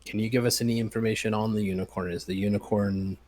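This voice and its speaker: A man's voice: lowish voice, steady tone, fast, a little mellow, no room sound. A man playing a tabletop game, chatting casually about his moves.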